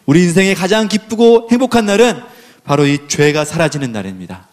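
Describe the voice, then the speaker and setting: A pastor preaching a sermon, asking rhetorical questions and building to emphatic, raised passages. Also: male voice, fairly high pitch, expressive, a little fast, a little mellow, a little hiss or hum.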